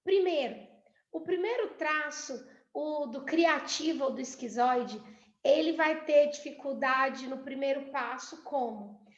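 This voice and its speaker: Brazilian lady teaching couples, high voice, echoey room, dull lo-fi sound. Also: a little slow. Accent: Brazilian Portuguese. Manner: explains with acted everyday examples. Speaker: couples mentor.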